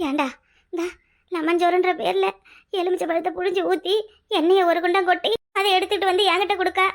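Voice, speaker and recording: A woman voicing a sharp-tongued elderly village mother-in-law in a cartoon, nagging with a Kanyakumari Tamil accent. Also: very high voice, flat delivery, fairly quick. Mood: complaining. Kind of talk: cartoon voice acting.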